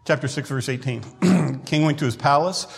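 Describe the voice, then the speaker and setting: A man's voice: medium pitch, brisk. Man preaching in a reverberant hall. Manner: conversational, clears throat often. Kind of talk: sermon.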